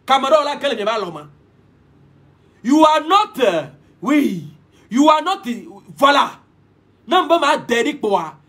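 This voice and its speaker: A man's voice: very high-pitched, sing-song, a little slow, long pauses, a bit bright. A man giving a preachy, repetitive live-stream monologue, switching languages mid-sentence. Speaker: livestream host.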